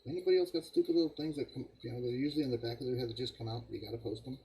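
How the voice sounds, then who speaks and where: A man's voice: mid-range voice, rapid-fire, warm tone, slight background noise, rough recording. An older man hosting a live model-building stream, rambling casually to viewers and chuckling at himself. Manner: rambling, self-deprecating, chuckles often, talks to viewers as guys.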